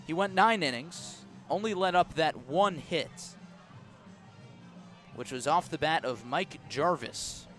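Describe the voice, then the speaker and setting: Outdoors at a ballpark, an American radio announcer handles live baseball play-by-play, moving between calling pitches and chatting in asides. His voice is a bit bright.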